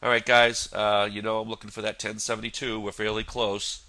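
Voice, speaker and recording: A man's voice: on the low side, level tone, brisk, bright, forceful tone. A man with a cold and a nasal voice, a futures trader talking casually through his market analysis with lots of fillers and restarts. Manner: rambling, many fillers and restarts.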